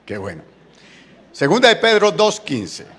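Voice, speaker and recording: A man with a Colombian Spanish accent preaching a sermon, telling the story with lively acted-out voices. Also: high voice, unhurried, big-room sound. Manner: animated storytelling, acting out quoted voices. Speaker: pastor.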